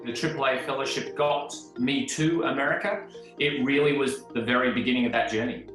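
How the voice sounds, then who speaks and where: A man's voice: mid-range voice, steady tone, a little fast, fairly bright tone, faint music behind. A man, a medical scientist and professor, explaining his work confidently in a video testimonial. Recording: echoey room.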